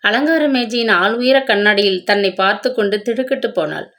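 A woman reading a romance novel aloud with steady, measured narration. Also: medium pitch. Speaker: storyteller.

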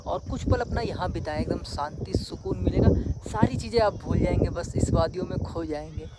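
Heavy background noise surrounds a young travel vlogger speaking fairly quickly in a high-pitched voice. He's on a windy hill road, phone camera at arm's length, casually chatting with his viewers.

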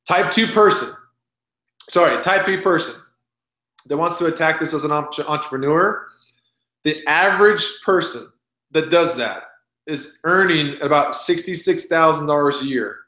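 A man's voice: on the high side, normal speed, sharp tone. Blunt folksy man in his thirties, echoey. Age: 30s. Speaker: presenter. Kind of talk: recorded sales webinar.

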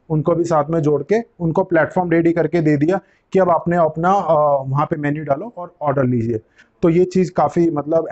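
A man's voice: on the high side, a little mellow, highs cut off. A young man hosting his own channel, explaining things casually to the camera in a living room on a lapel mic, gesturing and repeating phrases as he goes. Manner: gestures with both hands while talking, repeats phrases. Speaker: channel host.

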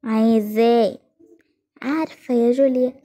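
A woman with an Egyptian accent improvising a toy-game role-play, talking in quick, bossy, teasing exchanges. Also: fairly high pitch, steady tone, warm tone. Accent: Egyptian Arabic.

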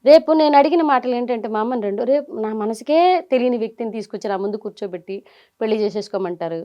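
Woman, middle-aged, fast, a bit high, animated storytelling interview guest. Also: dull audio. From Nellore region, India. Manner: animated, quotes people in quick bursts.

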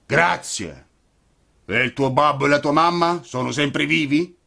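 A man voicing a huge, gruff, bearded puppet master who is soft-hearted underneath, talking in a loud, blustering manner. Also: on the high side, unhurried, voice pushed up, heavily acted.

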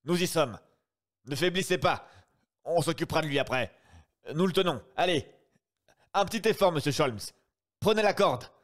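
A man reading aloud voices a police sergeant who shouts his orders in a raised, forceful voice. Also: on the high side, lively intonation, normal speed, long pauses, voice pushed up, lightly acted. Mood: urging. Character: loud, urgent police sergeant, adult man.

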